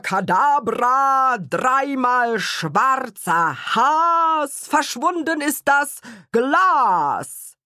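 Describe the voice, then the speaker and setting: A woman voicing a boastful, cheerful father who performs a clumsy magic show, announcing slowly and grandly in a husky voice. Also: high voice, sing-song, bright, forceful tone, no echo, studio quality, pitched above the performer's own voice, full character voice. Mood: showy. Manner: slow, grand showman's announcing.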